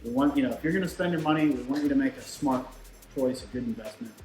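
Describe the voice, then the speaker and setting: Man, medium pitch, casual technical explainer, conversational, echoey room, machine noise and light music behind. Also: fast, darkish tone. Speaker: turbo shop product expert and presenter. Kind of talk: casual technical shop talk. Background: shop machines running in the background.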